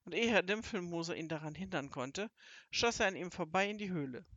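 Expressive children's audiobook narrator. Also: medium pitch, a little fast, dry recording, lo-fi sound. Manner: lively, expressive storytelling. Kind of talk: scripted narration of a children's book.

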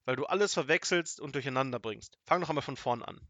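A man's voice: mid-range voice, fast, no room sound. A man voicing a pompous, short-tempered male wizard in a storybook reading, barking orders impatiently. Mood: scornful. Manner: bossy, impatient, shouts orders.

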